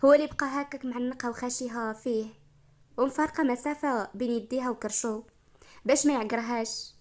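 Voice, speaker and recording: A woman with a Moroccan accent narrating a romance story in an expressive, lively way. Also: fairly high pitch, fast talker.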